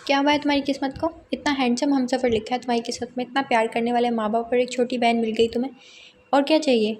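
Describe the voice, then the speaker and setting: A woman narrator voicing a young man who teases his wife and then speaks with calm assurance, read in her own voice. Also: on the high side, fast talker, a little hiss or hum, natural voice. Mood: teasing. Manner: breezy, teasing, calm assurance. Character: young man, teasing then earnest husband.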